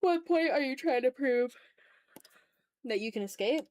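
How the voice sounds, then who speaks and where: A woman with a high, lively voice speaks a little slowly, her tone darkish. As the host of an art livestream, she makes casual conversation while drawing, muttering informally and self-critically to both herself and her viewers.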